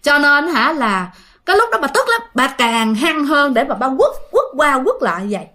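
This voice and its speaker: Bright lively woman storyteller. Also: high-pitched, moderate pace. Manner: animated, acts out quoted shouting in a raised voice. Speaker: ghost story narrator. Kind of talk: casual storytelling to listeners.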